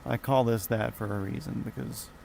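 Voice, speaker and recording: A man's voice: mid-range voice, fairly even intonation, normal speed, gravelly, a little mellow, a little hiss or hum. A man streaming a flight simulator, chatting casually in a rambling, profane, offhand way from his home gaming room at a desk mic. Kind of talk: casual live-stream chat.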